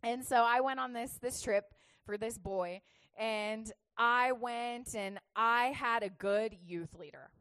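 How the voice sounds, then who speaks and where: Brief: female youth pastor, high voice, chatty comic testimony, laughs a lot, dry close sound. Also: slow, smooth, no room sound. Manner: chatty and animated, laughing often. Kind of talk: humorous testimony sermon.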